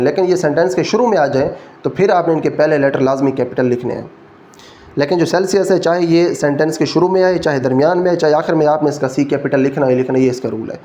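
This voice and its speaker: A man's voice: a little high, dark tone. A man with a Pakistani Urdu accent giving a physics lecture, explaining each rule step by step and checking in with his students. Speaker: physics teacher. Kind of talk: classroom lecture.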